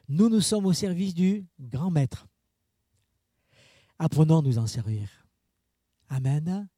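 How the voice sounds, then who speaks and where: A man preaching a sermon in a chatty way, full of fillers and asides to the congregation, with big swings in pitch and loudness. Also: no echo, studio quality.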